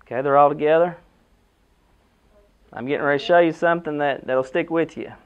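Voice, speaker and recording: A middle-aged American man delivers a pep speech to his team as their coach. His voice is high for a man and clean, without rasp. He drives the message home in short, emphatic phrases and rhetorical questions, captured on slightly dull camera audio in a locker room. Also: brisk. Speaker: basketball head coach. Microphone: camera a few metres away.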